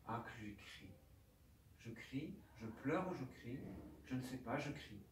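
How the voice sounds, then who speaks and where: A man tells his own story at a conference in a very slow, halting way, with aphasia in his speech and many repeated words and phrases. He sounds far from the mic, and the large room echoes around him. A faint hum of ambience sits underneath. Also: medium pitch, animated. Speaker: doctor giving a conference talk. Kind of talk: personal testimony lecture. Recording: roomy hall, distant mic, faint ambience.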